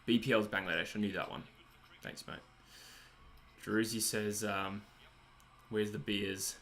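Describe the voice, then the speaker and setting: An Australian man in his twenties hosts a casual livestream over a cricket match, reading out and chatting about viewer messages. His voice is on the low side and fairly bright, at normal speed, and he comes across as chatty, rambling and self-deprecating.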